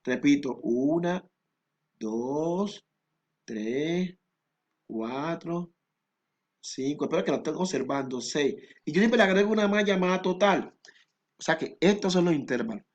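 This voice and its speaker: A man's voice: fairly high pitch, animated, measured pace, long pauses, dull audio. A male math teacher, explaining a statistics lesson patiently step by step.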